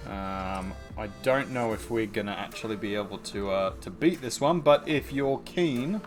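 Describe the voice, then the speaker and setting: A man's voice: lowish voice, moderate pace, faint music behind. An Australian man chatting casually to his live-stream viewers as an art streamer, rambling with lots of ums and restarts.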